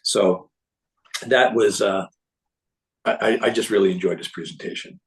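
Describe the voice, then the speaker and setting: A man giving a casual, rambling recap of a symposium to a group, often clearing his throat and restarting sentences. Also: fairly low pitch, steady tone, normal speed, low-quality recording. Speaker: presenter reporting on a symposium.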